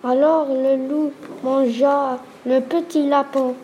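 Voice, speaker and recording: A woman reading a children's story aloud in a slow, soft, deliberate way. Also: high voice, fairly even intonation, lo-fi sound, a little hiss or hum.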